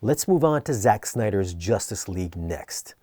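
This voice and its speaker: A man narrating an equipment review in a conversational but scripted, measured, explanatory way. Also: fairly low pitch, animated, mellow, dry recording, studio quality.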